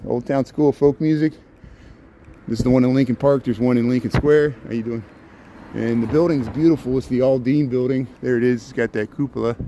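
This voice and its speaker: With a medium pitch and a dark tone, a man in his forties narrates a loose, chatty walking tour along a city street at night, hamming it up for his viewers. He's from near Cincinnati in the US Midwest and speaks with a slight Cincinnati-Kentucky twang. Faint street and traffic noise can be heard.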